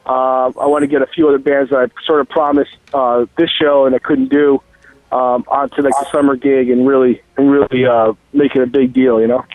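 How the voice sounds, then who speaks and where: A man's voice: mid-range voice, level tone, brisk, no echo. Man on a tinny car speakerphone. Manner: rambling, loose and profane, full of fillers. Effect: car speakerphone call. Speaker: musician guest calling in. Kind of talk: casual phone interview. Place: in a moving car. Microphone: phone on speaker. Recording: tinny dry phone line.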